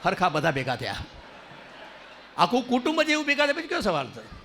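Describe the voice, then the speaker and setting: High-voiced man telling comic stories. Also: huge pitch swings, brisk, a bit bright, a little hiss or hum. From Gujarat. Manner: jokes told with exaggerated stammering impressions. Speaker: stand-up comedian. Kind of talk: Gujarati comic storytelling.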